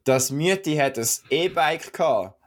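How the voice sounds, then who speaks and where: A man from Switzerland with a Swiss German accent, co-hosting a casual podcast chat and telling a story with lively acted-out moments. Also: on the high side, measured pace. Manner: animated storytelling, acts out shouting. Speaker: podcast co-host.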